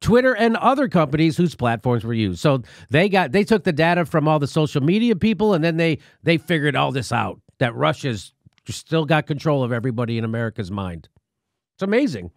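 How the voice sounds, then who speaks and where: A man's voice: on the high side, sing-song, fairly quick, no room sound, studio quality. A male host giving comedic political commentary in a sarcastic, mocking and profane way.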